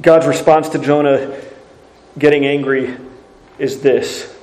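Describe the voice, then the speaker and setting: A man's voice: a little high, fairly even intonation, takes it slowly, darkish tone, roomy sound, low-quality recording. A man preaching a sermon, reading scripture and asking earnest rhetorical questions.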